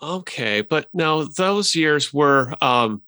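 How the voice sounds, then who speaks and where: A man's voice: on the high side, animated, takes it slowly, pushed and bright, smooth, dry recording. A man hosting a podcast, reading a scripted intro and then interviewing a guest with frequent fillers and restarts. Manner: hesitant with fillers and restarts in conversation. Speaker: podcast host.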